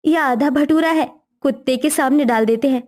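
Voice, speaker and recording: Cartoon elder bahu, woman voicing: high, bossy, teasing. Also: moderate pace, darkish tone, natural voice. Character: elder daughter-in-law, bossy sister-in-law.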